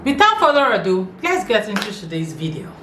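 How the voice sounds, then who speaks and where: A woman's voice: mid-range voice, very animated, brisk, loud music behind the voice. A woman with a Nigerian accent hosting an informal explainer video, speaking emphatically and repeating key phrases. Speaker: video channel host. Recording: echoey room, faint background noise.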